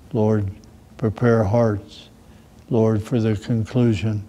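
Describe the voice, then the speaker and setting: Slow, mellow-voiced older American pastor. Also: male voice, lowish voice, a little hiss or hum. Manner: slow, measured reading of scripture and verse. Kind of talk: sermon with scripture reading and prayer. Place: small church room with plants behind.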